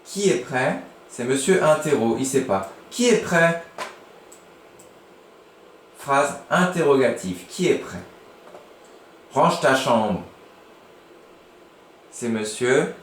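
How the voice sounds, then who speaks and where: A man teaching a class of young children, lively and playful, with a medium-pitched voice. He is recorded in an echoey room with a faint hiss behind him. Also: takes it slowly, long pauses.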